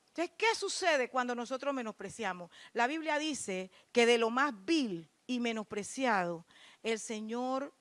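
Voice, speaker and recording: High-voiced woman preaching a fervent sermon. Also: a bit bright, no room sound. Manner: fervent, rising to emphatic declarations; asks and answers rhetorical questions. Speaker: deaconess preaching.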